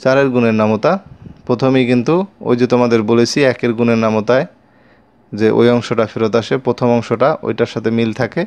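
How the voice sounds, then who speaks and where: Man slowly reciting times tables. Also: medium pitch, level tone, a little mellow, clean tone. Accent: Bengali. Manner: slow, repeats each multiplication line twice; addresses pupils directly with questions. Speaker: math teacher. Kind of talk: recited times-table lesson for young children.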